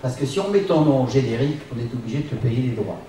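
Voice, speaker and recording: A man's voice: medium pitch, animated, quick pace, a crowd in the background. A man in his sixties, a veteran singer, talking bluntly and outspokenly on a convention panel. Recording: echoey hall, distant mic.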